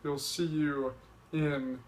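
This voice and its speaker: A man's voice: fairly high pitch, flat delivery, takes it slowly, a little hiss or hum. A winded young man talking casually to the camera, boasting as he lays out his game plan point by point. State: a little winded. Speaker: vlogger challenging a friend to a video game match.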